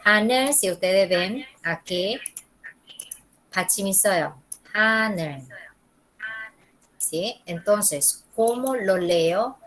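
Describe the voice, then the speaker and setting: A woman with a mid-range voice and measured pace teaches a Korean lesson in Spanish, captured on a rough recording. In this classroom lesson she models each pronunciation, repeats it, and keeps checking understanding with "¿sí?" and "¿ok?".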